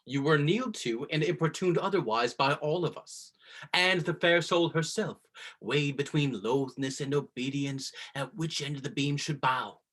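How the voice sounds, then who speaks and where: A man's voice: fairly high pitch, moderate pace, fairly bright tone, breathy edge. A man playing a blunt, mocking nobleman in a Shakespearean drama, with a dry, cutting delivery. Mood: accusing. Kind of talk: Shakespearean stage drama performance.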